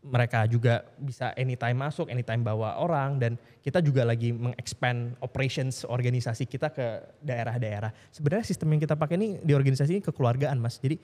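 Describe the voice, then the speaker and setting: A man, a podcast guest telling stories in a relaxed, slangy, informal way. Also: mid-range voice, fast, hardly any pauses, big-room sound. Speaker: guest, founder of a legal aid group for small businesses. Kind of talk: casual podcast conversation.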